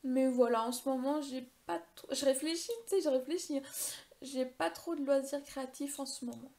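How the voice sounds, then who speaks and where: Her voice is high-pitched and mellow, moving at a normal speed. This thirtysomething beauty YouTuber chats her way through viewer questions in a relaxed vlog, rambling, pausing often and joking at her own expense.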